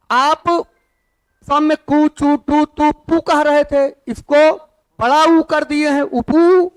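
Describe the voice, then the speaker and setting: A man teaching Sanskrit to a class, who asks his students questions and then answers them himself. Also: very high-pitched. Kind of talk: classroom lesson.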